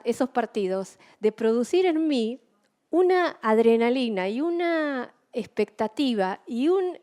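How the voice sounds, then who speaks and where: A middle-aged woman preaching a sermon, telling stories in an animated way and acting out her own excited shouts. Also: on the high side.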